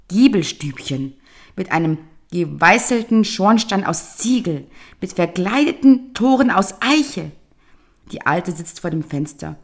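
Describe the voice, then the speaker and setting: A woman reading a fairy tale aloud in a measured, solemn storytelling manner. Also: lowish voice.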